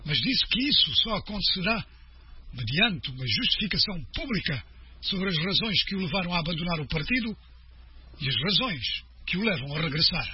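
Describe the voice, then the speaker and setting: Guy reading the news on the radio, high voice, kinda muffled. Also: a little fast, a crowd in the background. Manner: steady formal delivery. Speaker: news presenter. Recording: muffled radio broadcast with faint noise.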